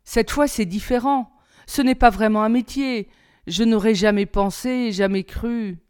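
A woman reading aloud and voicing a calm, proper mother who speaks slowly and formally. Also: a little high, clear, resonant tone, close to an everyday voice. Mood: solemn.

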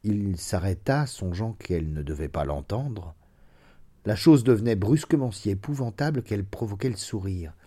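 A man narrating classic fiction as an audiobook in a slow, even, literary reading. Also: fairly low pitch, husky.

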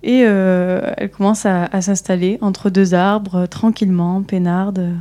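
A woman's voice: medium pitch, level tone, a little slow, dark tone. A woman telling a story on live radio, hesitant with many fillers.

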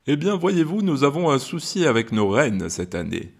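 A man voicing a hearty, booming old Santa Claus in a children's audio story. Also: sing-song, normal speed, creaky, breathy edge, full character voice. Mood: jolly booming. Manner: loud booming "ho ho ho" delivery.

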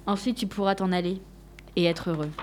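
A woman voicing a gentle, loving apple tree in a storybook reading. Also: medium pitch, steady tone, brisk, a little hiss or hum, lightly acted. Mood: tender.

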